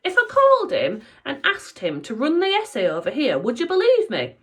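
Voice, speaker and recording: A worried young schoolboy from a children's story who stammers and pleads his case, as a woman reading aloud puts him on. His voice sits higher and moves about in pitch. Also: huge pitch swings, moderate pace. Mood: anxious. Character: anxious schoolboy in trouble.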